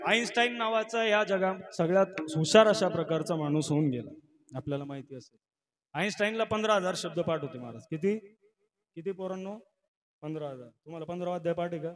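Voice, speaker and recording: Man, Maharashtrian kirtankar, high voice, dramatic storytelling sermon on stage. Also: fairly quick. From Maharashtra, India. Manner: dramatic storyteller, voices characters, swells to loud emotional peaks. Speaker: kirtan preacher. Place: kirtan stage before a seated audience.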